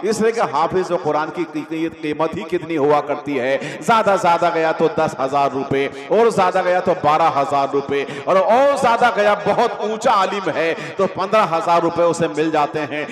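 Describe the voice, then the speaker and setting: Older preacher with a Bhojpuri accent, high-pitched. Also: male voice, normal speed, hardly any pauses, in a large hall. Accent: Bhojpuri-region Hindi. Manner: exhorting, repeats phrases, asks the crowd questions. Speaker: Islamic preacher. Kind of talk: religious speech to a gathering. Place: open gathering on a raised stage. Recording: crowd audible at a public gathering.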